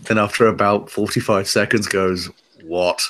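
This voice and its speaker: Man, low voice, deadpan player describing his character's actions. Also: moderate pace, a little hiss or hum. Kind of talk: casual tabletop play.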